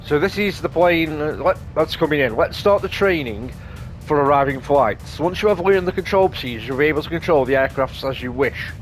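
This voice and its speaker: A man with a voice on the high side hosts a gaming video, talking a little fast and expressively while he casually explains the play and reads tutorial text aloud in a rambling, explanatory way. The audio quality is poor, and light game music plays behind him.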